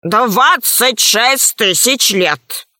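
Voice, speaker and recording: A woman voicing a big, good-natured male alien archaeologist in a storybook reading, talking low and sheepishly. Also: lively intonation, extremely slow, sharp tone, dry recording, studio quality, full character voice. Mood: matter-of-fact.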